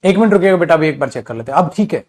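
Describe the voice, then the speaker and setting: A male English teacher giving a live online grammar class, explaining with rhetorical questions, reading example sentences very slowly and calling the students beta. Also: fairly high pitch, expressive, a little mellow. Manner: addresses students affectionately as beta.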